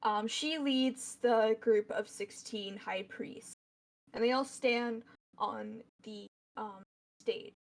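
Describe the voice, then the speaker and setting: A woman's voice: a little high, takes it slowly, rough recording. A woman narrating as game master of a tabletop game on a live stream, rambling with many fillers and casual asides.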